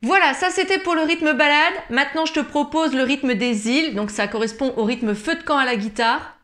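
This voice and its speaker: Calm woman teaching ukulele, high voice. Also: normal speed, faint music behind. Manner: calm, step-by-step explaining. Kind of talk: tutorial explanation. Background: ukulele strumming.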